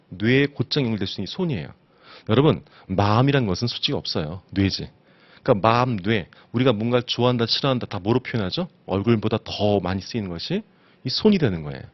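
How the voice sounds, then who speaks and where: A man's voice: medium pitch, sing-song, fast talker, no echo, lo-fi sound. A man teaching an exam-prep lecture, constantly asking his students rhetorical questions. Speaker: instructor.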